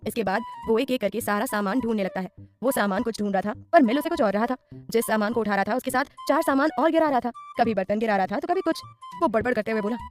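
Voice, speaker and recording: Fast-reading woman storyteller. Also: fairly high pitch, faint music behind. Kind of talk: serial story narration.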